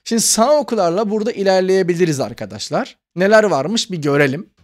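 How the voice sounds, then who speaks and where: A man's voice: sits high, animated, brisk. A man hosting a computer tutorial, chatty and explanatory, often addressing viewers as friends. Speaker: tutorial host. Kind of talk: screen-recorded computer tutorial.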